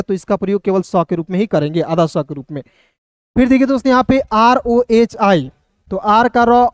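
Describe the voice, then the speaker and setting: An online teacher giving a reading lesson, spelling words out letter by letter and then reading each one slowly. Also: mid-range voice, darkish tone, clean tone, dry recording, clean studio sound. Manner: keeps addressing viewers as friends, asks and answers own questions.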